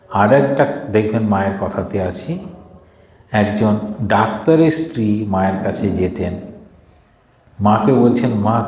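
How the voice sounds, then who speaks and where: A man's voice: mid-range voice, a little mellow. A man, a monk, giving a devotional talk to a gathering: he reads formal passages aloud, then explains them in plain speech, asking questions and answering them himself. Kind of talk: devotional discourse with reading and explanation. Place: gathering hall before a live audience. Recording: echoey hall with faint background noise.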